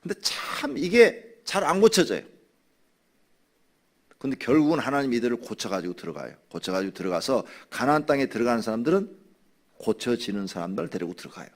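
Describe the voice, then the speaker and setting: A man teaches scripture to his congregation in a relaxed, conversational sermon. His pitch moves around a great deal as he explains. He stops now and then to act out grumbling people. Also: brisk. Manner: drinks water while speaking. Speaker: pastor. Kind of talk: Bible study sermon.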